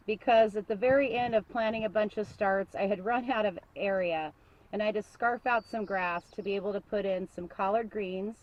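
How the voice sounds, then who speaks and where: A small farmer shows off her vegetable garden in a casual tour, her medium-pitched voice chatty and enthusiastic, often breaking into laughter. The audio has a lo-fi quality.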